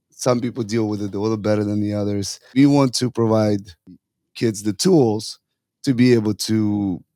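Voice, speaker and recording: A Russian youth hockey coach in his thirties talks earnestly in a casual interview, going in long runs full of fillers and restarts. His voice is lowish and dark, with no room sound.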